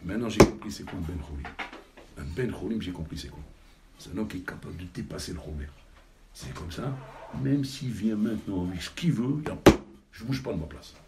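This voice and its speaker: A man with a low voice gives a storytelling sermon as a rabbi. He tells it with animation, often repeating and tripping over his words. Steady background noise runs under the recording. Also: a little fast. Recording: noisy background.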